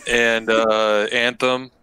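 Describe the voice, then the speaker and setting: A man's voice: mid-range voice, little pitch movement, extremely slow, pushed and bright, clean tone, no echo, low-quality recording. A man on a gaming podcast panel, telling an easygoing story and laughing at it. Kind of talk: casual storytelling chat.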